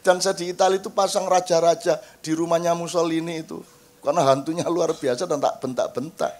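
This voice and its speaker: A man with a Javanese accent spins a rambling story at an open-air gathering. His voice sits a little high, and he keeps chuckling. He addresses listeners as "Mas". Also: fairly even intonation, a little fast, darkish tone. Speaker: speaker at a public forum.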